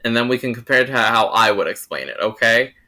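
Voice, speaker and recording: A young man hosts a casual film review chat. He rambles and hedges, often restarting his sentences. His voice is bright and forward. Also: mid-range voice, lively intonation, quick pace. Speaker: host.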